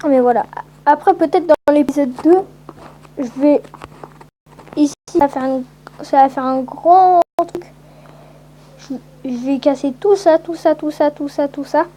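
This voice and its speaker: A woman's voice: high-pitched, measured pace, long pauses, mellow, rough recording. A woman giving casual, rambling let's-play commentary with lots of hesitant fillers. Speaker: gameplay commentator.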